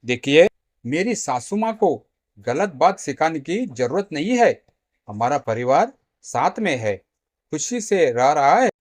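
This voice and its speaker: A man voicing a gentle young bride who talks anxiously and pleads in a storybook tale. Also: fairly high pitch, sing-song, unhurried. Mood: firm.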